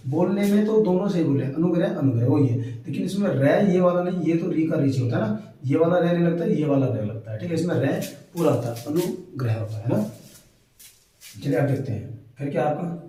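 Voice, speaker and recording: A man teaching a lesson for exam preparation. He checks in often with "okay?" and slowly draws out words as he spells them. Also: a little high, lively intonation, dark tone. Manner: repeats checks like "ठीक है" and "है ना". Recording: very echoey room, far from mic, faint noise.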